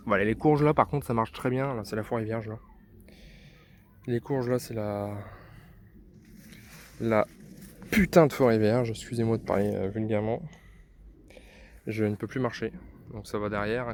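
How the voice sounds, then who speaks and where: A man's voice: lowish voice, a little hiss or hum. A man from France giving a casual, hesitant tour of his vegetable garden as a vlogger, filming on a phone outdoors. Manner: chatty, hesitant with many fillers, self-deprecating. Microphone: handheld phone camera. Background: neighbours' party.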